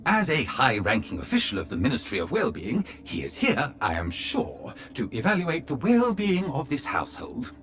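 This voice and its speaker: A man's voice: mid-range voice, wildly swooping pitch, moderate pace, hardly any pauses, fairly bright tone. An actor voicing a polite, fawning male butler robot who speaks formally and calls everyone sir, in a video game. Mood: deferential. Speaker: butler droid.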